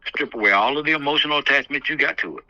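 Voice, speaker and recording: Over a muffled, band-limited phone line, a man gives candid, emphatic advice, repeating phrases to hammer his point home. His voice is fairly high and sharp, he talks very fast, and there's no echo.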